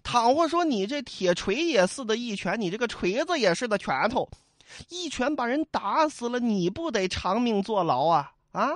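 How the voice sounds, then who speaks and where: A man's voice: extremely high pitch, big pitch swings, normal speed, no echo, studio quality, voice pushed up. A man voicing a fretful male officer who scolds his rash friend in a comic storytelling. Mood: scolding. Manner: nagging, scolding.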